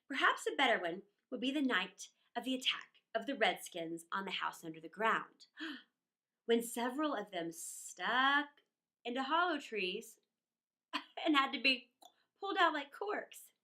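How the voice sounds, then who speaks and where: Reading a children's tale out loud, this high-pitched woman gives a dramatic, expressive performance. She pauses now and then and muses in little asides.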